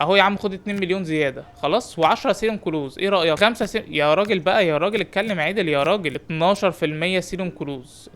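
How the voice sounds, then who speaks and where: Fast-talking Egyptian gaming commentator man. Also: high-pitched. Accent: Egyptian Arabic. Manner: rapid, animated, teasing banter with in-game characters. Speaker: gaming YouTuber. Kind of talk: gameplay commentary.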